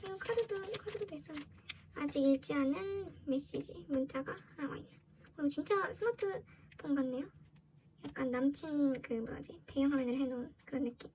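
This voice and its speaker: A woman's voice: high voice, normal speed, a little mellow. A woman giving casual unboxing commentary as a vlogger, with a girlish, gushing fangirl manner. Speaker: vlogger opening collectible merchandise. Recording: clearly noisy background.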